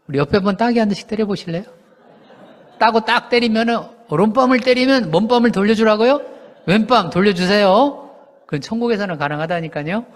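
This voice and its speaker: A man's voice: high-pitched, in a large hall. A male pastor preaching a conversational sermon, asking the congregation questions and answering them himself, and acting out quoted lines. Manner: acts out quoted lines in lively voices.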